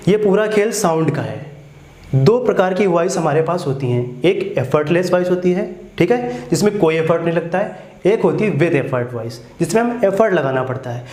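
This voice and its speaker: A man's voice: on the high side, darkish tone. A man teaching English grammar, often asking questions and repeating "theek hai" after each point. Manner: repeats "ठीक है" and asks students questions. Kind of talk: classroom grammar lesson. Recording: echoey room.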